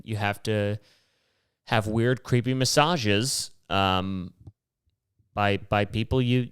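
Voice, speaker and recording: Brief: male podcaster, mid-pitched, smooth voice, rambling and profane, dry close sound. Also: no echo. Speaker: podcast host. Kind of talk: casual solo storytelling.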